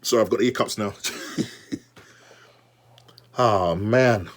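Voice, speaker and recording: A young man reviewing a football match as a fan, exasperated and animated, repeating himself and talking straight to the manager. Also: fairly low pitch, a little fast. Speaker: football fan channel host.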